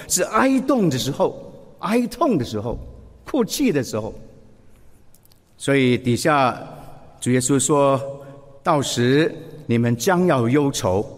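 A man preaching a sermon, lively and expressive, acting out quoted words with feeling. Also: fairly high pitch, in a large hall. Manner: expressive, acts out quoted speech with emotion. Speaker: pastor.

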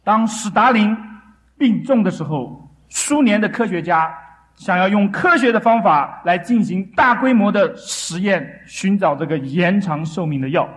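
A preacher delivers a sermon in short bursts, stopping after each for an interpreter. The voice rises with vivid stories and sinks low and slow on the solemn ones. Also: lively intonation. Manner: dramatic, slows and drops for solemn lines.

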